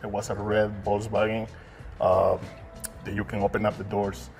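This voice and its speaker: A man's voice: on the low side, flat delivery, moderate pace, darkish tone, faint music behind. Earnest Guatemalan-born man hosting a chat. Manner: plain-spoken, earnest storytelling with fillers. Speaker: host. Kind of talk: casual interview. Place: detailing supply shop, indoors.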